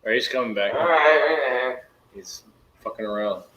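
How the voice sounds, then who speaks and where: A man's voice: medium pitch, moderate pace, pushed and bright. A man playing a tabletop game, chatting casually with grumbling and swearing.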